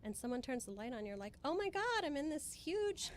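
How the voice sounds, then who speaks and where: Speaking fairly quickly in a high, sing-song voice, a woman from Hawaii gives emphatic, earnest motivational explanations as a spiritual guest in a conversational interview. She tends to repeat phrases, and there's slight noise in the background.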